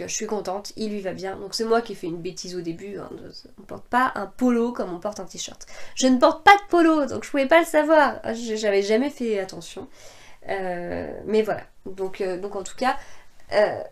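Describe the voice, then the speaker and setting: A woman's voice: mid-range voice, a little mellow. A woman in her thirties or forties from France, chatting casually about her sewing projects with many hesitations and restarts. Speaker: sewing podcaster.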